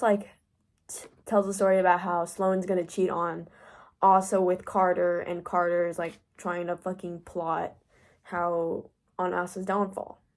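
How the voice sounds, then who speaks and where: A young woman rants through a book plot in a loose, casual way. She swears freely and fills her sentences with "like." Her voice sits at an ordinary middle pitch for a woman. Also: a little mellow. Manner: profane, filler-heavy storytelling. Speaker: book vlogger.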